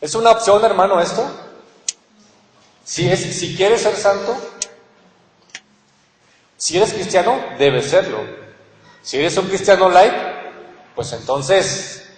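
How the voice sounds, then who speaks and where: Mexican pastor guy preaching, kinda high voice, big echoey church hall. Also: slow pace, long pauses. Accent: Mexican Spanish. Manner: earnest, keeps calling on listeners with rhetorical questions. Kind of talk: sermon.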